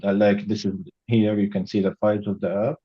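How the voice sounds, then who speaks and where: A young man demonstrating software over a video call, halting and repeating words. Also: lowish voice, little pitch movement, breathy edge, no echo. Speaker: student presenter. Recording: dry, muffled audio.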